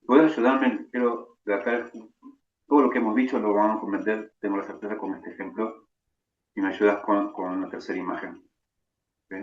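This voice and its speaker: A man's voice: fairly low pitch, fairly even intonation, normal speed. A man with a Rioplatense accent, a rabbi giving a sermon-style lecture and telling stories while he keeps adding "¿no?". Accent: Rioplatense Spanish. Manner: keeps adding "¿no?" tags, storytelling. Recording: echoey, dull, distant.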